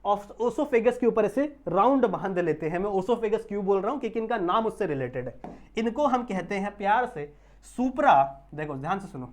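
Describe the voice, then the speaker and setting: A man giving an online biology lecture. He keeps checking whether students understand, draws technical terms out slowly, and mixes English terms into his Hindi. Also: high-pitched, expressive. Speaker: biology teacher.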